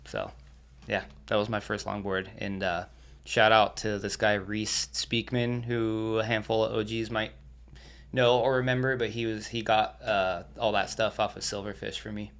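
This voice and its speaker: A young man sits in as a podcast guest and tells his stories in a relaxed, rambling way. He swears freely and laughs between the stories, and his voice sits a little low. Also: normal speed, creaky. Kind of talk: casual storytelling.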